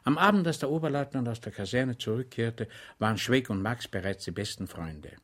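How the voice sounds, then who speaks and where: A man's voice: mid-range voice, expressive, a little fast, fairly bright tone. Man reading a story aloud. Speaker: narrator. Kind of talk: audiobook reading.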